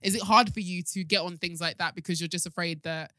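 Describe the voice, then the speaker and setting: A young woman hosting a casual podcast, lively and loud, often breaking into laughter. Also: fairly low pitch, fast talker, no room sound, clean studio sound. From African. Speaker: podcast host.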